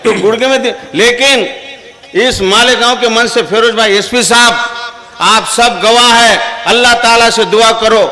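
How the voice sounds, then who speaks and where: High-voiced man telling jokes on stage. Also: steady tone, measured pace, bright, forceful tone. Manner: chatty, punchline-driven, acts out the characters in his jokes. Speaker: stand-up comic poet at a mushaira. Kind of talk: live humorous storytelling on stage. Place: stage at a live poetry evening. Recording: echoey hall, live stage PA.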